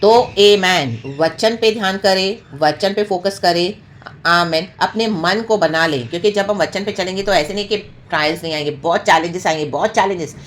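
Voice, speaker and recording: Brief: woman preacher, fairly low voice, constant amens and hallelujahs, faint hiss behind. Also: normal speed. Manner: peppers talk with amen and hallelujah; mixes English phrases into her preaching. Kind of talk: sermon.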